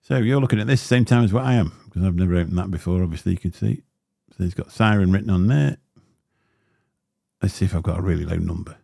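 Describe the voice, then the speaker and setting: Unboxing gear on a casual livestream, a deep, gravelly, mellow-voiced host talks fast and rambles, full of fillers and grumbling asides. A close dynamic studio mic captures a dry, clean studio sound.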